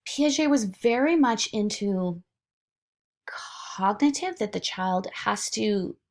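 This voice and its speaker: A woman's voice: mid-range voice, animated, takes it slowly, darkish tone. A woman lecturing informally to her students, with frequent fillers and restarts. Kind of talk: recorded online lecture.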